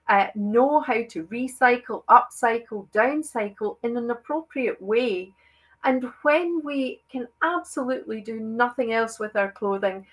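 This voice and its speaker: A woman's voice: on the high side, fairly bright tone, poor audio. A woman researcher presenting at a conference and chairing the session, speaking earnestly with emphatic stresses and frequent fillers. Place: online conference.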